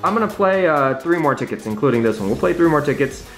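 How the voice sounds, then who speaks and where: Higher-voiced man giving casual play-by-play. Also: expressive, quick pace, a bit bright, faint music behind. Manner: self-talking, repeating phrases. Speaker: scratch-ticket vlog host.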